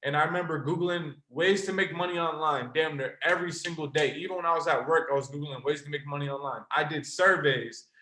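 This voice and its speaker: A young adult man, a trading mentor, gives an earnest, passionate motivational sales pitch to a live online call, speaking straight to his listeners. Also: fairly even intonation, brisk, hardly any pauses, sharp tone. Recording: roomy echo.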